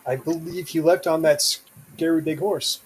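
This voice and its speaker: A man playing a tabletop role-playing game, talking in character in a halting, understated way. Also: on the high side, fairly even intonation, slight background noise. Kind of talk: hesitant in-character tabletop chat.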